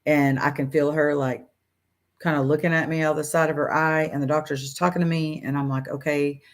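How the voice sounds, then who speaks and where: A woman's voice: deep voice, level tone, fairly quick. A woman in her forties, a guest on a video call interview, telling her story casually and acting out what her doctors said, with laughs between phrases. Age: 40s. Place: room at home.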